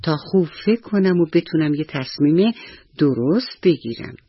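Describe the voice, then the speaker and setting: A timid, fretful scarecrow from a radio bedtime story, voiced by a male narrator. The voice sits fairly high and a little husky. It comes through a dull, dry studio recording. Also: expressive, no echo. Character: timid scarecrow who grows brave.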